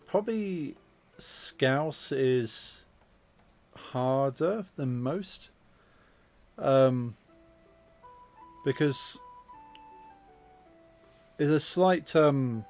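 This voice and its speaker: Clear-spoken Midlands English man. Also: medium pitch, lively intonation, darkish tone, faint music behind. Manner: deliberately clear, precise diction. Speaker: game streamer. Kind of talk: casual chat while gaming.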